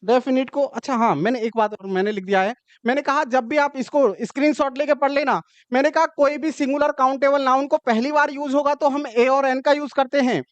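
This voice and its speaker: A man with a very high, smooth, clear voice teaches a grammar lesson, recorded close and dry with no room sound. He goes step by step and keeps asking the class whether the point is clear. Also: no room sound. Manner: explains step by step with frequent check-in questions.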